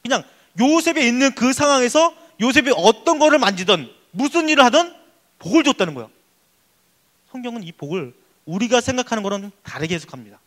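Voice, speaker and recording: A male pastor giving an emphatic, excitable sermon at a church youth service. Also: extremely high pitch, fast talker. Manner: excitable, emphatic preaching that acts out prayers.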